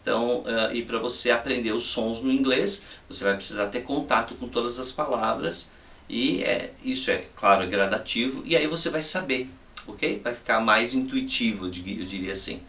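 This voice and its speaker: Bright-voiced man teaching in an echoey room. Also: medium pitch, moderate pace, far from the mic. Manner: patient, repeats examples, frequent "ok?" and "tá?" checks. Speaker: English teacher. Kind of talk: casual video lesson.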